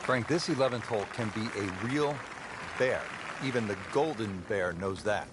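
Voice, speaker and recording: A man working as lead golf commentator, calling play in a measured broadcast delivery with folksy turns of phrase. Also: fairly low pitch, heavy background noise, close to an everyday voice.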